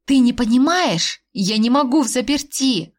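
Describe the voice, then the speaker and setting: A woman voicing an indignant young wife, sharp and sarcastic, who pleads with her husband. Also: sits high, expressive, a little slow, voice pushed up.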